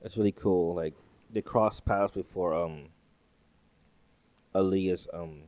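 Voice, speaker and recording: A deep-voiced man chats through a reaction video, circling back and repeating his thoughts. The sound is dry and close, with no room around him. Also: slow, darkish tone, no echo. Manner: rambling, hesitant, repeats himself. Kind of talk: casual reaction commentary.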